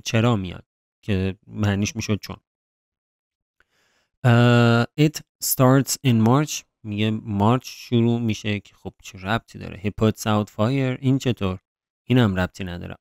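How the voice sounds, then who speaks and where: A man teaching an English workbook lesson, going step by step and reading the English sentences slowly. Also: fairly low pitch, creaky, a little mellow, clear, resonant tone, dry recording, studio quality.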